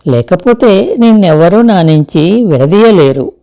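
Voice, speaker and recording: A woman voicing a kind young husband who speaks softly and reassuringly in an audio story. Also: fairly low pitch, animated, measured pace. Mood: gentle. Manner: soft, reassuring.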